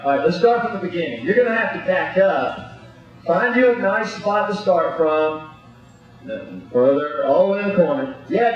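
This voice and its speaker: Exasperated coach shouting across an echoey gym. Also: male voice, fairly high pitch. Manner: exasperated, bossy, scolding. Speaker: coach in a clown gymnastics act. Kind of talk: comic coaching patter over a live act. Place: large indoor gymnasium with audience. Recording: echoey distant muffled gym recording.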